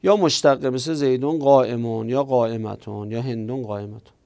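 A male teacher lectures on grammar in a rough, gravelly voice at a middling pitch. He lays out each rule step by step, poses questions to the class and answers them himself, and drags out the example phrases word by word. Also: a little mellow, dry recording. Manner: explains step by step, slows on the quoted examples; asks and answers his own questions.

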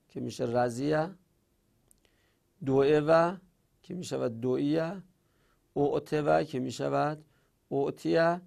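A man's voice: a little high, gravelly, mellow. A man teaching a grammar lesson to a class, explaining each rule step by step and answering objections he imagines his students raising.

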